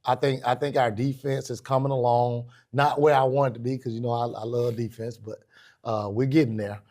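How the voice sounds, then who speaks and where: Halting American male basketball coach, mid-pitched. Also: level tone, a little mellow. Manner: halting, repeats phrases as he thinks. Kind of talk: casual sports interview.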